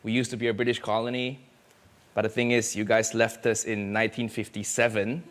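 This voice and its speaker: A man from Malaysia, a guest comedian telling dry, deadpan jokes on a panel show. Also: fairly low pitch, fairly quick. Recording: TV broadcast with studio audience noise.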